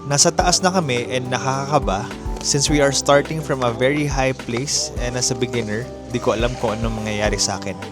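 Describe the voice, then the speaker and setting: A man's voice: medium pitch, fairly quick. Filipino man narrating a travel vlog. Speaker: travel vlogger. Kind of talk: scripted voice-over narration mixing Tagalog and English. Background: music bed.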